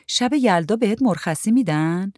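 A woman's voice: medium pitch, animated, darkish tone, no echo, clean studio sound, lightly acted. A woman doing a teasing young wife. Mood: wry. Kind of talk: storybook reading.

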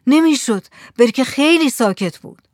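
A man's voice: very high-pitched, lively intonation, a little mellow, dry recording, clean studio sound, voice pushed up. A woman voicing a frightened fisherman. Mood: fearful. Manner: trembling, pleading, anxious. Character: frightened superstitious village fisherman.

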